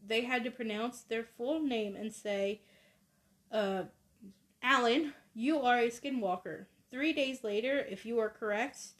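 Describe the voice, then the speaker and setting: A woman co-hosting a casual podcast, talking in a hesitant, hedging way with frequent ums. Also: a little high. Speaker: podcast co-host.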